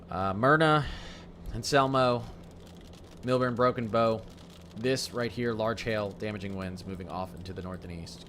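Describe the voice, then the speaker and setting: Low-voiced man giving live weather commentary. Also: background noise. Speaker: live severe weather stream host.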